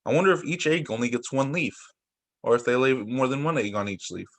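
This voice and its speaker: Speaking at a brisk clip with lively intonation, a young male teacher in a mid-range, fairly bright voice reads picture books to children over video. Little asides and exclamations punctuate the story, picked up by his computer mic.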